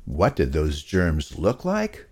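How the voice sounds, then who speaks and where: A man reading a children's story aloud to young listeners in a slow, expressive storyteller manner. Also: heavy background noise. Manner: slow, expressive storyteller delivery, swooping pitch.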